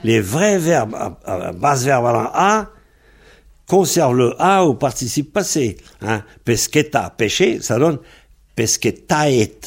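A man gives a methodical language lesson at an unhurried pace. His voice has a gravelly, fry-tinged texture. He works patiently through each word, spelling it out one letter at a time. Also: mid-range voice, very animated. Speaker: Breton language teacher.

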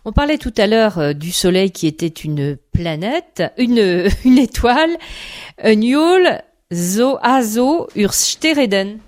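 A woman's voice: a little high, expressive, takes it slowly, darkish tone. A woman answering questions in a language lesson, carefully repeating phrases back to the teacher. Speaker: language learner.

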